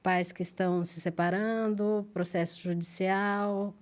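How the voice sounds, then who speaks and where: A woman's voice: medium pitch, fairly even intonation, measured pace, darkish tone. Woman, earnest school owner. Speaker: school owner, podcast guest. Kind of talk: casual interview chat.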